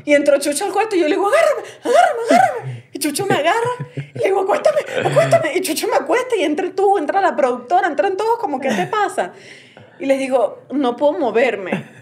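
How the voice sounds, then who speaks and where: A woman co-hosting a casual podcast chat, telling stories with lively acted-out quotes. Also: high voice, fast, a crowd in the background. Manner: animated storytelling with acted-out quotes. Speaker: podcast co-host.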